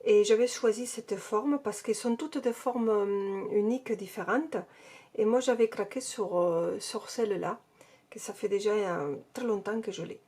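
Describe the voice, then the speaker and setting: A woman's voice: medium pitch, normal speed, mellow, slightly rough. A woman casually reviewing an oracle card deck and reading out card texts, hesitating often. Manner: hesitant, with many fillers and restarts; reads card text aloud.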